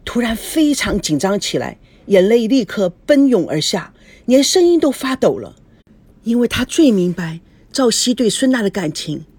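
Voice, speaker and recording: A woman reading a novel aloud as a narrator, expressive and dramatic. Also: on the high side, normal speed, husky, no room sound. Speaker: audiobook narrator. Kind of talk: storybook narration.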